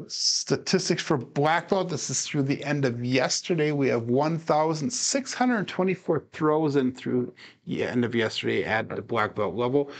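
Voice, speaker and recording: Male vlogger, gravelly voice, tired, chatty self-coaching commentary. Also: on the high side. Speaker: craps practice streamer. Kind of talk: casual solo commentary while practicing.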